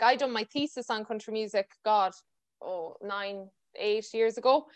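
A woman's voice: a little high, clean tone, dry recording. A woman with a west of Ireland accent hosting a podcast in a casual, conversational way. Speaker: podcast host.

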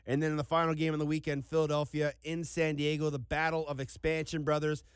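A man's voice: a little high, level tone, fast talker, clear, resonant tone, no echo, clean studio sound. A man hosting a conversational sports recap as an analyst.

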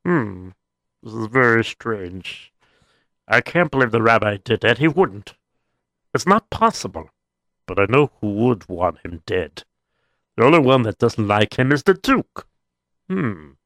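A man's voice: mid-range voice, big pitch swings, a little slow, long pauses, a bit bright, dry recording, clean studio sound, voice pushed down. A man voicing a thoughtful male army captain who ponders aloud and hums to himself. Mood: pondering.

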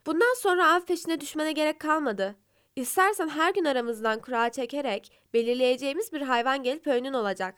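A woman's voice: high-pitched, brisk, a bit bright. A woman voicing a frightened group of meadow animals in a storybook fable. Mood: coaxing. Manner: scolding, anxious.

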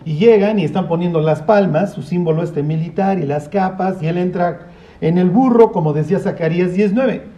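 A man's voice: sits high, normal speed. A man teaching a conversational Bible study, asking his listeners rhetorical questions. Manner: lively, asks rhetorical questions, acts out voices.

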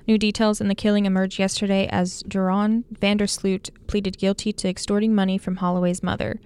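Woman reading the news in a flat, steady voice. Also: medium pitch, clean tone. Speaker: news anchor. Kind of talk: student radio newscast.

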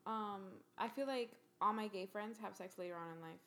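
A woman's voice: medium pitch, normal speed, a bit bright. A woman hosting a casual chat, blunt and teasing in a chatty way. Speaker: host.

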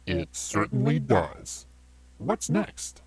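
Vorix is a horror show's sinister co-host, speaking from the very bottom of the register. The voice is rough and breathy, and its delivery is slow and deliberate. It repeats the host's phrases in a sepulchral drone. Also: female voice, big pitch swings, full character voice. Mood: friendly. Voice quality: extremely deep, husky. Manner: slow, echoing the host's words.

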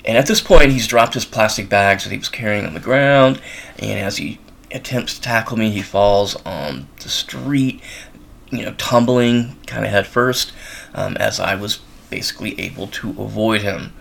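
A man's voice: on the low side, moderate pace, gravelly, fairly bright tone. A man hosting his own show, telling a long story in a rambling way, full of ums and uhs. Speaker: podcast host. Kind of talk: casual storytelling. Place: college town in the United States.

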